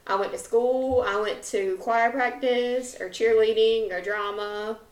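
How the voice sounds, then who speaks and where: A woman's voice: a little high, steady tone, a little slow, reverberant, poor audio. A woman in her twenties co-hosting a podcast, talking candidly in a chatty way and laughing between phrases. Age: 20s. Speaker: podcast co-host. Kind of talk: casual podcast chat.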